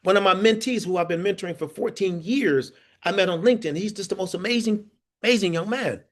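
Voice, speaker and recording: A workforce trainer runs an interactive online training session over a video call. He has a high voice and talks quickly, telling stories full of laughs and regularly posing questions to his audience.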